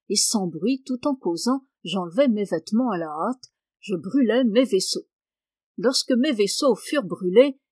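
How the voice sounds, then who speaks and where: Woman doing audiobook narration of an old novel, measured and expressive, mid pitch, dry close sound. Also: no room sound. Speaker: audiobook reader.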